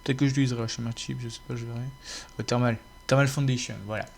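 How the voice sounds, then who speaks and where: A man's voice: medium pitch, flat delivery, very fast, vocal fry, darkish tone, a little hiss or hum. A man casually chatting to his viewers about his game server, rambling with many fillers and restarts. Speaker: gaming YouTuber.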